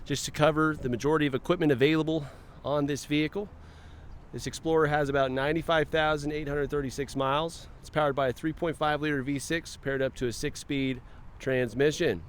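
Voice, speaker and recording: A man's voice: on the high side, steady tone, fairly quick, slight background noise. A man giving a casual, chatty walkaround of a car for a dealership, making offhand remarks to himself as he moves from outside the car to its cabin. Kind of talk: casual vehicle walkaround narration. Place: outdoors around a car, then inside it.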